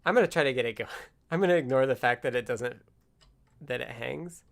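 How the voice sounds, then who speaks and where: A programmer hosting a casual live coding stream thinks aloud at his computer desk indoors. His voice is creaky, mid-range, and a bit bright, and he speaks haltingly, muttering to himself as he works.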